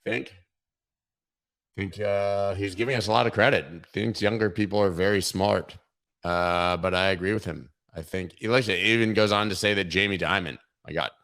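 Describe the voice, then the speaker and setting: A man's voice: sits low, moderate pace, fairly bright tone. A man with a worn-out, tired voice hosting a casual crypto market livestream, joking and swearing as he talks through charts.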